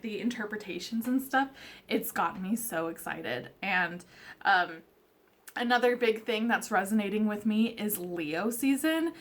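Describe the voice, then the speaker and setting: Young woman vlogger, slow and chatty, Valley girl manner, lots of ums and likes. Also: mid-range voice. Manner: chatty, rambling, many likes and ums, laughs often; upbeat Valley girl way of talking. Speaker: tarot channel host. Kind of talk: casual chat to camera.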